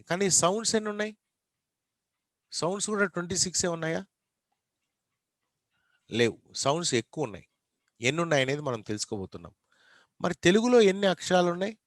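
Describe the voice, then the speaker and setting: A man's voice: on the high side, sing-song, moderate pace, long pauses, fairly bright tone, no echo. Telugu-accented man teaching an English class. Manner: questioning, repeats words, spells them out letter by letter. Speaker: English lecturer. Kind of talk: online class lecture, mixing Telugu and English.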